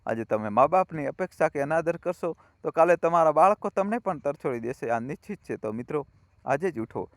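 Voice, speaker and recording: A man's voice: on the high side, expressive, a little fast, dry recording. Man telling a heartfelt, moralizing story. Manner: heartfelt, moralizing, addresses listeners as friends. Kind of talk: emotional story narration.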